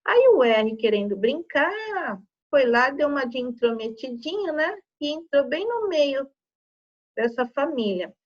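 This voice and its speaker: A woman teacher with a Brazilian Portuguese accent gives children a recorded spelling lesson, patiently stretching example words out syllable by syllable. Her high, sing-song voice is a little slow, and the recording sounds muffled.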